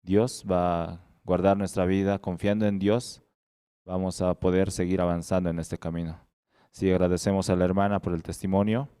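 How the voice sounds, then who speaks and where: A male evangelist leads a church service in a very deep, smooth voice. His delivery is flat and even, earnest and steady as he preaches. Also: moderate pace. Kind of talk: sermon.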